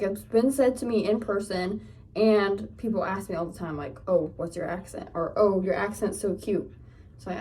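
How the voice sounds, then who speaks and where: Here's a chatty, rambling get-ready-with-me vlog from a young Californian-accented woman from Northern California, filled with fillers. Her voice is medium in pitch with a darkish quality. Recorded at home on a phone camera, the lifestyle vlogger sounds slightly distant and off-mic.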